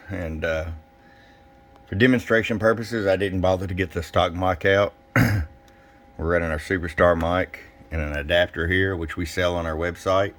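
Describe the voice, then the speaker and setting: Low in pitch yet a bit bright, the male voice belongs to a folksy, plain-talking radio shop technician and presenter. Standing at a radio workbench indoors, he offers a casual, improvised hands-on demonstration of a product.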